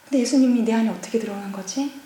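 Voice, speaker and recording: High-voiced woman telling her testimony. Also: racing. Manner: lively storytelling, acting out past conversations. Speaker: pastor's wife giving a testimony. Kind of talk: personal testimony at a church seminar. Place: church seminar hall. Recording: echoey church hall.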